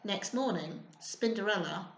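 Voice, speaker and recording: Reading a picture book with expression to small children, this woman pauses to ask them easy questions. She speaks at a medium pitch, expressively and without hurry, in a roomy space with noticeable echo.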